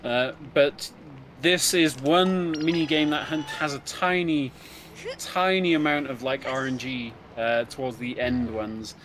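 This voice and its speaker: Over video game music and a little background noise, a man with a medium-pitched, slightly bright voice provides unhurried co-commentary on a speedrun. His explanations are casual, chatty and emphatic, and he repeats words to stress them.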